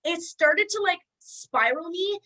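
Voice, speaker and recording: Bright high-voiced woman telling a story. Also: takes it slowly, rough recording. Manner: animated, swears freely, acts out quotes. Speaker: house guest. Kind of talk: casual storytelling.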